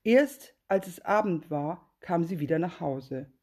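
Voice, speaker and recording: A woman reading a fairy tale aloud in a calm, even storytelling manner. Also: lowish voice, a little slow.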